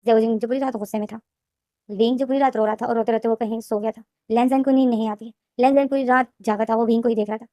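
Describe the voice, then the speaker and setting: Fast-talking woman retelling a story. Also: fairly high pitch, fairly even intonation, mellow, no room sound, studio quality. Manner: fast, repetitive storytelling with restarts. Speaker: story explainer. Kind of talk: retelling fan fiction plot.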